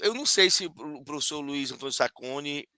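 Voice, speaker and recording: A man's voice: on the high side, animated, brisk, bright, forceful tone, smooth, no room sound. A man in a casual online chat over a video call, sounding exasperated and exclaiming often.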